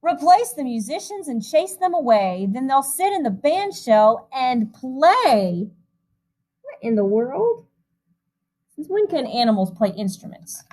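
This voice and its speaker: Reading a picture book to a group of young children, this woman has a high voice and the animated, expressive manner of a music teacher. She drifts from the rhymes into chatty remarks aimed at her little audience, never rushing.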